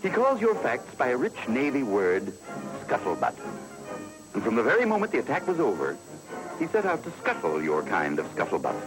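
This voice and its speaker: A man's voice: mid-range voice, huge pitch swings, moderate pace, poor audio. Old newsreel announcer guy, big emphatic delivery, music playing under him. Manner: emphatic, declamatory. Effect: old newsreel narration. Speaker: newsreel narrator. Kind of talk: 1940s newsreel narration.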